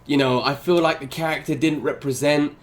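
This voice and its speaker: A man's voice: on the high side, steady tone, brisk, slight background noise. A man streaming live, reacting to a video with sarcastic commentary, laughing often and talking to his chat.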